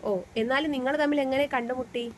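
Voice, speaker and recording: A woman voicing a caring older mother who speaks gently and protectively about her son in a storybook reading. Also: sits high, fairly even intonation, brisk, a little hiss or hum, natural voice. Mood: gentle.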